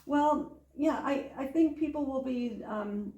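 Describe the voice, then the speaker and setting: A woman's voice: high-pitched, slow pace, dark tone. A woman hosting a casual podcast, chatty, often stumbling and repeating words as she talks. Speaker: podcast host. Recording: echoey room, mic at a distance.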